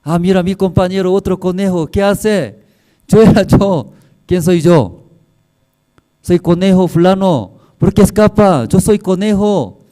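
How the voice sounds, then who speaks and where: A man voicing a small timid male rabbit with a high, plaintive voice in a sermon story. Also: measured pace, warm tone.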